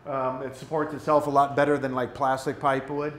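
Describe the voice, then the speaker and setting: A man's voice: medium pitch, fairly quick. Man's voice echoing through a brewery. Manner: relaxed, practical, pointing things out while talking. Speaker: brewery owner. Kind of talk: casual equipment walkthrough. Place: brewery floor among steel tanks, indoors. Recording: echoey brewery room with faint hum.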